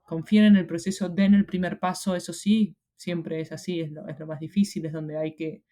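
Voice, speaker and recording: A young Argentine woman with an Argentine Spanish accent speaks reflectively as a guest in a casual interview, frequently hesitating and starting over. Her warm voice sits on the low side, moves little in pitch, and keeps a moderate pace.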